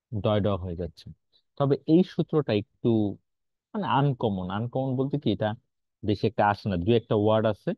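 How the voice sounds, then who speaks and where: A fairly low-pitched man explains grammar to an online class with patience, stopping to quiz students and mixing in English words. There's no echo, though the class audio is dull and lo-fi.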